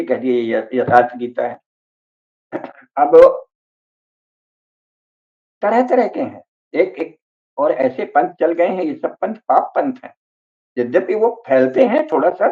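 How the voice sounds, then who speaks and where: A man giving an emphatic, didactic religious discourse, listing names and checking in with his listeners. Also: mid-range voice. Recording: tinny phone-like audio.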